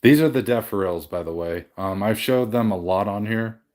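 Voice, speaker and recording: Male stream host, lower voice, loose rambling chat with restarts. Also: normal speed, a little mellow. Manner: rambling, self-correcting. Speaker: livestream host. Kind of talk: casual chat with live viewers. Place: home game room.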